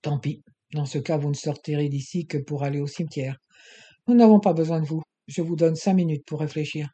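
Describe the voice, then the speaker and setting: An audiobook reader voicing a scheming, menacing male doctor who speaks calmly and coaxingly. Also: medium pitch, breathy edge, natural voice. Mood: cold bargaining. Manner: calm, measured, coaxing menace. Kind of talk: audiobook reading.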